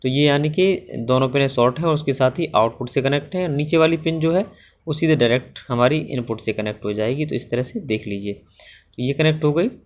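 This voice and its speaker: A man presenting an electronics tutorial, walking through a circuit diagram step by step in a patient way with many filler pauses. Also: mid-range voice, highs cut off.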